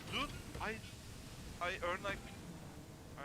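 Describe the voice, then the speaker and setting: Male gamer friend, blunt and self-deprecating, on a cheap mic that crackles and drops out under loud noise. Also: high voice, expressive, takes it slowly. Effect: cheap mic crackling and cutting out. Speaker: friend on a gaming voice chat. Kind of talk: casual chat. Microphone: cheap headset mic on voice chat. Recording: noisy, crackly cutting-out voice chat mic.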